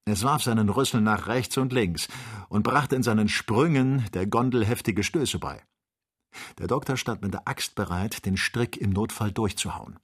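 A man narrating a classic adventure novel as an audiobook, reading in an even, measured way. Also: on the low side, slightly rough. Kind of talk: scripted narration.

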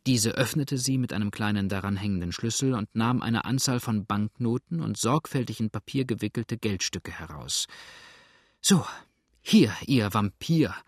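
A man narrating an audiobook in a measured storytelling manner. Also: lowish voice, no echo, clean studio sound. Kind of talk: scripted narration.

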